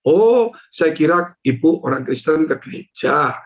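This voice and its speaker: A male pastor voicing an old man on a train who gently and earnestly talks about his faith. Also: on the high side, animated, unhurried, pitched below the performer's own voice. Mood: friendly urging. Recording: dull lo-fi recording.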